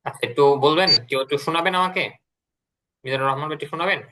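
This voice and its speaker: A man's voice: fairly high pitch, rapid-fire, very noisy. A man teaching an English class online, explaining step by step and repeating words for the class to drill.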